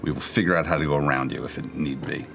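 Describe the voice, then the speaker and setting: A man's voice: rumbling low, fairly even intonation, fast, gravelly, fairly bright tone, soft background music, exaggerated voice. A man playing a blunt, pragmatic mercenary in tabletop role-play, speaking matter-of-factly. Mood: firm, frank.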